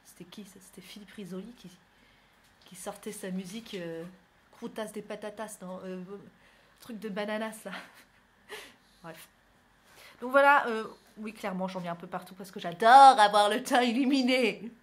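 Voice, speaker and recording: A woman's voice: medium pitch, unhurried, a little hiss or hum. A young woman from northern France, chatty and self-mocking, talking through her makeup routine in a casual tutorial. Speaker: beauty vlogger. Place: indoors at home, by a window.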